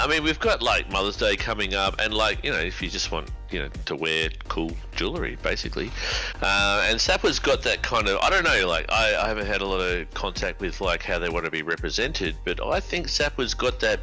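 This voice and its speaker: A man's voice: fairly low pitch, pushed and bright, low-quality recording. An Australian man co-commentating a sim race, chatting casually and enthusiastically with lots of fillers. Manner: rambling, enthusiastic, full of fillers. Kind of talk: casual post-race chat.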